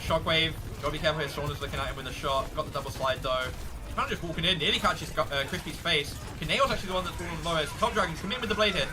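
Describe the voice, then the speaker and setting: A man's voice: on the high side, very fast, noisy background. A man giving live esports analysis as a co-caster, reasoning conversationally through the match.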